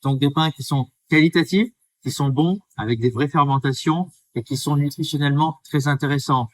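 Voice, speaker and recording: A man's voice: fairly high pitch, normal speed, distant mic. A man from the Drôme who works as a baker, answering interview questions in an earnest, explanatory way. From France, Drôme. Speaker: baker, guest.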